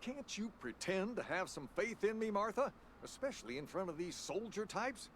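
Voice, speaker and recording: An actor playing a cantankerous, proud old shopkeeper in a video game, blustering in a folksy rural American accent. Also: male voice, high-pitched, big pitch swings, normal speed, fairly bright tone, a little hiss or hum. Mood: indignant. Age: older. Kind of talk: video game character acting.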